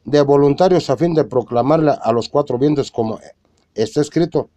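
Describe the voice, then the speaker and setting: A man reading a religious argument aloud in a measured way, quoting scripture and citing chapter and verse. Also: mid-range voice, dark tone, dry recording. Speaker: religious lecturer.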